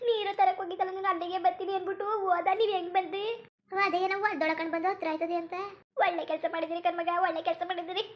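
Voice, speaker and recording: A woman's voice: extremely high pitch, little pitch movement, racing. A woman voicing a protective village mother in a cartoon, lamenting and urging. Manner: lamenting, urgent warnings. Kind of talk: cartoon voice acting.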